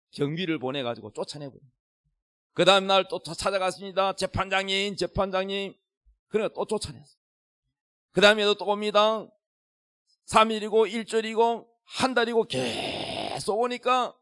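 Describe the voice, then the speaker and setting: A man's voice: high-pitched, dry recording, clean studio sound. A middle-aged male pastor preaching a sermon, emphatic and repeating his key phrases with big rises and falls.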